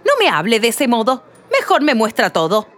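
A woman's voice: on the high side, wildly swooping pitch, brisk, fairly bright tone. Woman reading as a fussy rule-bound cashier. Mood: insistent. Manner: insistent, grows exasperated and fussy. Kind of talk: read-aloud children's play.

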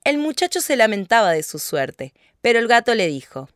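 A woman narrating a children's fairy tale in a steady, clear telling. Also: on the high side, moderate pace, no echo. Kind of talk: storybook narration.

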